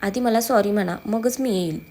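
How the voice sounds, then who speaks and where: Woman reading as a pouting young wife, pleading, childlike, mid-pitch. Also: normal speed, a little mellow, lightly acted. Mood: pouty. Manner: pleading, pouty.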